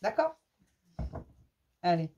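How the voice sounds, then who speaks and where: A woman's voice: takes it slowly, dark tone, highs cut off. A woman giving a casual spoken card reading as host, talking directly to listeners in an informal, reassuring way.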